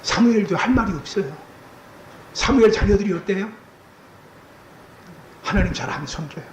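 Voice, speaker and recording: A male pastor preaching a sermon with strong emotion, acting out quoted voices and rising to shouts. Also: sits high, animated, normal speed. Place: church sanctuary. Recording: echoey church sanctuary, faint noise.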